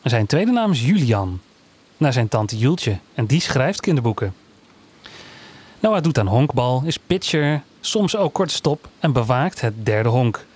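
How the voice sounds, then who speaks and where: Male presenter, husky, animated pitch, brisk scripted introduction. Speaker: presenter introducing a young reader.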